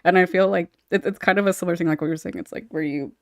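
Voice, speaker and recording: A podcast host runs a casual panel over an online call, her manner informal, giggly and hesitant. She talks very fast, her voice on the low side with fairly even intonation. The sound is a dry, close recording from her own noise-suppressed microphone, studio quality without echo.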